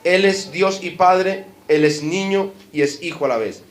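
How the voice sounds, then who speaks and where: A pastor with a Colombian Spanish accent preaches a sermon in an echoey hall, his male voice sitting high and moving a little slowly. His emphasis rises as he stresses his points and puts questions to the congregation.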